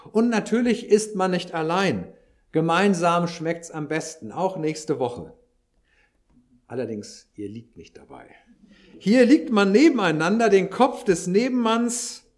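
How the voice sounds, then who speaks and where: A man's voice: fairly high pitch, darkish tone. A man preaching a sermon, explaining a Bible passage with occasional dry asides. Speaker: pastor.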